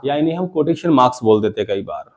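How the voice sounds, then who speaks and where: A man's voice: medium pitch, lively intonation, fast, darkish tone. A man teaching an English grammar lesson to a classroom of students, repeating key terms and asking the class to say them back. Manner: call-and-response questioning, repeats key terms.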